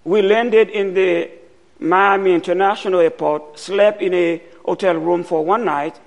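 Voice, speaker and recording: Slow, gravelly-voiced man from Haiti preaching. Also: high voice. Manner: slow and deliberate, pausing often. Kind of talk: sermon.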